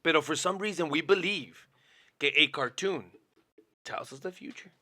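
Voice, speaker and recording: A man's voice: fairly high pitch, moderate pace, pushed and bright. A man co-hosting a podcast, in playful and laughing casual banter. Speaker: podcast co-host.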